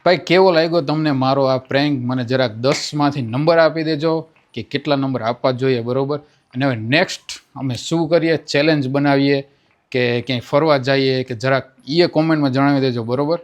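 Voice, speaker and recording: A man's voice: medium pitch, normal speed. A young man, chatting casually to viewers in a vlog and coaxing someone to stop crying. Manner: coaxing, pleading. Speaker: vlogger.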